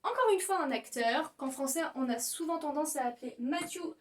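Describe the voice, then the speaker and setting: A woman's voice: high voice, animated, normal speed, far from the mic, loud music behind the voice. A young woman, a video host, explaining pronunciation in a casual, playful way and exaggerating the mistakes. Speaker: YouTuber teaching pronunciation.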